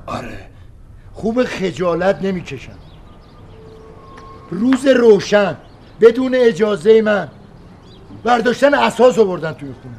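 A man's voice: high voice, sing-song, long pauses, a little mellow, a little hiss or hum. An actor playing an indignant landlord who grumbles exasperated complaints at his tenant. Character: indignant landlord, quick to anger.

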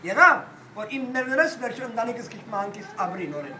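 An older man holding forth at a cafe table, boisterous and rambling, swearing and breaking into loud outbursts. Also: very high voice, big pitch swings, brisk, recorded from a distance, slight background noise. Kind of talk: rowdy table talk. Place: cafe with glass front, indoors. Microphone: phone camera across the table. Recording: echoey room, voice off-mic, music behind.

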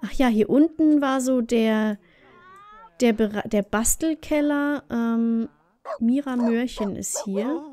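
A woman's voice: fairly high pitch, takes it slowly, crowd noise. Chatty woman voicing gameplay commentary. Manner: chatty, talks to the game characters. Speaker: let's play host.

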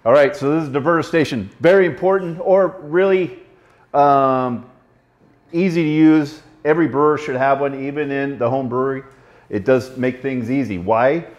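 Brewer, 40s, casual and self-deprecating, mid voice, muffled lo-fi sound. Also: male voice, mid-range voice, moderate pace. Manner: easygoing, fumbling a little, self-deprecating. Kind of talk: casual equipment demonstration. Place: brewery floor among steel tanks, indoors. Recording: slightly dull, muffled sound.

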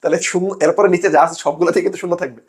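A young man teaching an exam-prep lesson, emphatic and quick to check that students follow. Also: high-pitched, fairly even intonation. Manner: rapid, emphatic, keeps asking "ঠিক আছে?". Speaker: admission test tutor.

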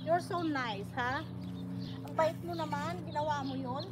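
Filipina lady vlogging live from her garden, highish voice, lots of outdoor noise and birds chirping behind. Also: a little slow. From Philippines. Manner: chatty, rambling, reads viewer comments aloud. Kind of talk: casual live vlog chat.

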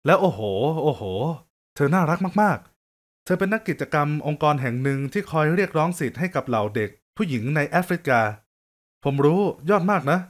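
Upbeat male storyteller with a fairly high voice; casual, joking first-person narration. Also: moderate pace. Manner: lively, joking, conversational.

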